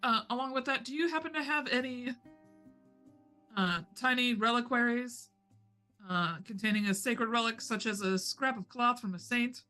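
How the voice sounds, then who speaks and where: Bright-voiced woman playing a tabletop game. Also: a little high, normal speed. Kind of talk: casual game chat. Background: faint music.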